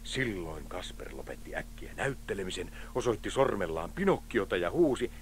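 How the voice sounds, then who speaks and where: A man narrates a children's storybook cassette in a low, lively voice. He is expressive and dramatic, dropping to a hush for suspense. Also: a little hiss or hum.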